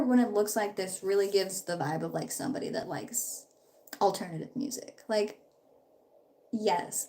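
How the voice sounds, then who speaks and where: Doing her makeup on a relaxed live stream at her parents' home, a young woman in her twenties, a little sick, chats upbeat and rambling. She has a medium pitch, vocal fry, and a darkish tone.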